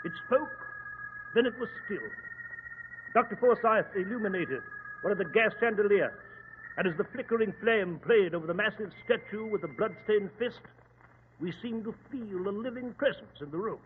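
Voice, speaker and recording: British gentleman doctor, played by a man: high, flustered, loyal sidekick; tinny old radio drama. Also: moderate pace, long reverb tail, slight background noise, natural voice. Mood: reminiscing. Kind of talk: 1940s radio drama acting.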